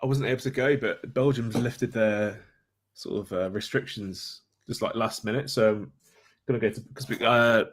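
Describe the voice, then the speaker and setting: A man's voice: fairly low pitch, steady tone, normal speed. A man, chatting casually as a guest and often restarting his sentences. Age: 20s. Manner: hesitant, many restarts and fillers. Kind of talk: casual chat.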